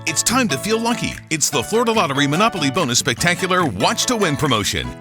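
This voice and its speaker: A man doing a scripted TV promo voice-over as a booming prize announcer. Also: big pitch swings, quick pace. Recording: music behind the voice.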